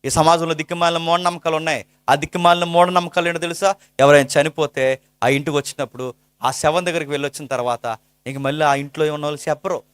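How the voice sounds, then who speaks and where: Impassioned male preacher with a high voice. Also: steady tone, fast talker, smooth, no room sound. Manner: impassioned, rhetorical questions, swings between hushed and loud. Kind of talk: sermon.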